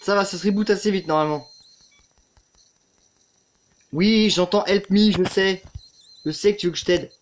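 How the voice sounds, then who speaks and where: A man's voice: sits high, moderate pace, pauses often, slight background noise. A man giving let's play commentary on a horror game, muttering to the game, swearing often and yelping when startled.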